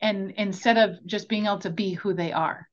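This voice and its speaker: A woman's voice: mid-range voice, steady tone, moderate pace. A woman hosting an interview, enthusiastic and chatty, often checking in with "right?". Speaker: podcast host. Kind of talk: conversational interview. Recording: dull lo-fi sound.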